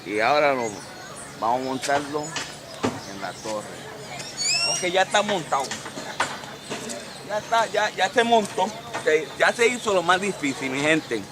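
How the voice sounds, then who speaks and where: A man with a Puerto Rican accent, a native Spanish speaker, gives a casual hands-on tutorial as an amateur radio hobbyist. His fairly high, expressive voice is halting as he repeats and corrects himself. The noisy sound comes from an amateur camcorder.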